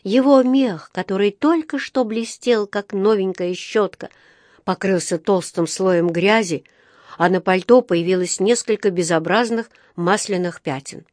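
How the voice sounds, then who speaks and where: A woman narrating a children's storybook in an expressive reading voice. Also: mid-range voice, measured pace, no room sound, studio quality. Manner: expressive, voices each character. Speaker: audiobook reader.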